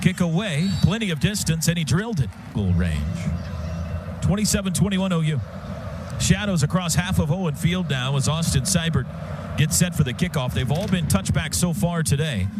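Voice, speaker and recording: An American man calls live football play-by-play on the radio from a stadium booth, using clipped, present-tense phrases. His voice is on the high side and expressive, at a moderate pace. The live broadcast is very noisy, with loud stadium sound behind him.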